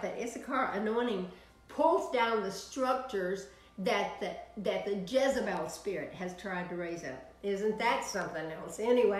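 An older Texan woman, a minister, delivers a prayer broadcast sermon to an online audience from her home office, her medium-pitched voice animated as she sweeps her hands while preaching. The room sounds spacious and the recording quality is low.

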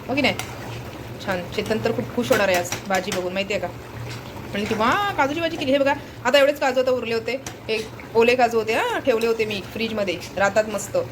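A woman's voice: medium pitch, noisy background. A woman chatting through a casual home cooking vlog, recorded on a handheld phone in her kitchen and often urging viewers to look. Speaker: vlogger.

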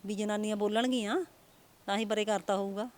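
A plaintive middle-aged woman from Punjab, India, talks as a grieving mother in an interview. She speaks fast and keeps circling back to the same complaints. Her pitch sits in an ordinary middle range. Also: steady tone, a little mellow. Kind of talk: emotional interview answers.

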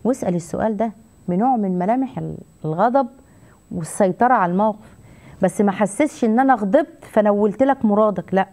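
Fast-talking emphatic Egyptian woman counselor. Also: mid-range voice, mellow. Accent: Egyptian Arabic. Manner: emphatic, repeats phrases, acts out sample replies. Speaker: TV host and family counselor. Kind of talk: advice talk to an audience.

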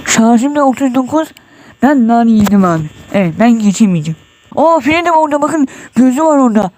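A man's voice: very high voice, lively intonation, a little fast, a little mellow, slight background noise. Jumpy young man, nervous horror gameplay. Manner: tense, jumpy, muttering prayers and exclamations. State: sweating, nervous. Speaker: gamer. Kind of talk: horror game let's play commentary.

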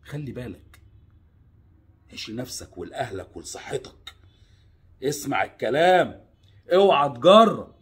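A young man with an Egyptian Arabic accent gives an earnest, pleading warning to his viewers, jumping from loud urging to low hushed lines. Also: very animated, unhurried, long pauses, slightly rough. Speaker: vlogger. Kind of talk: personal warning monologue.

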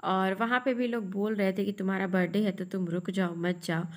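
A woman's voice: medium pitch, little pitch movement, a little fast. A young woman narrating her family vlog in a chatty, homely way, talking straight to her viewers. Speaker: family vlogger.

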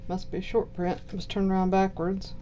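A woman with a Southern US accent giving low-key, mumbled casual commentary while unboxing cards. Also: monotone, brisk, mellow, lo-fi sound, a little hiss or hum. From southern United States. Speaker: card box-break host. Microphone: purchased microphone.

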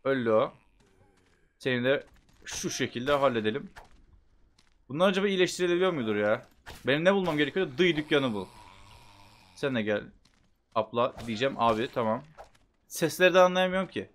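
A man giving casual gameplay commentary, chatting to himself and bursting into loud shouts at the game. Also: medium pitch, animated, a little fast, long pauses, a little hiss or hum. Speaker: gameplay streamer.

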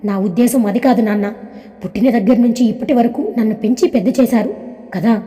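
A woman's voice: on the high side, fairly quick, mellow, big-room sound, close to an everyday voice. A woman voicing a hurt young woman who pleads tearfully with her father. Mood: pleading.

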